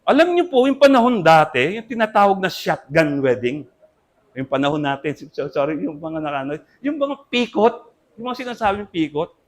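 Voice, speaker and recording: An older man, a Filipino pastor, preaching earnestly in Tagalog-accented English and Tagalog, swinging from loud emphasis to soft asides. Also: a little high, expressive, moderate pace. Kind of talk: sermon.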